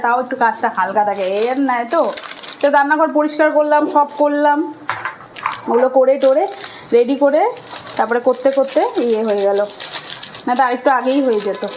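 A woman's voice: high voice, noisy background. A woman chatting to viewers as she cooks in her home kitchen. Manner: chatty, talks to viewers while cooking. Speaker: cooking vlogger. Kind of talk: casual cooking narration. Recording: kitchen clatter behind voice.

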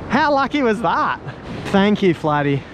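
Excitable Australian man fishing in surf. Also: high voice, a little slow. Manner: excitable, laughing, exclaiming at catches. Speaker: fishing channel host. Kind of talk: casual fishing vlog chat. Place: outdoors on a surf beach at sunset. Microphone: head-mounted action camera. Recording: loud surf and wind noise outdoors.

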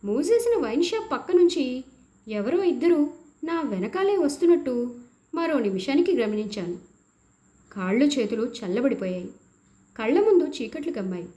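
Expressive woman narrating a story. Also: sits high, moderate pace, pauses often. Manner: expressive first-person storytelling, tense and emotional.

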